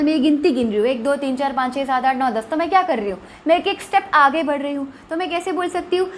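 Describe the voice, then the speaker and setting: A woman, a rather high voice, and an easy teaching rhythm. She explains English words to students, asks them rhetorical questions, and reads her examples slowly. Faint noise sits under the recording. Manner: slow, spelled-out English examples with Hindi explanation. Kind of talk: classroom lesson explaining words.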